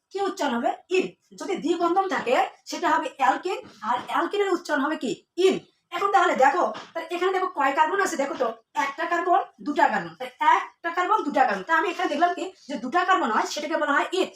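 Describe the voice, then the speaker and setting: A woman's voice: very high-pitched, animated, fast, fairly bright tone, slight background noise. A woman teaching a chemistry lesson to students, asking questions and then answering them herself, repeating the key terms. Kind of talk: classroom lesson. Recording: echoey room, mic at a distance.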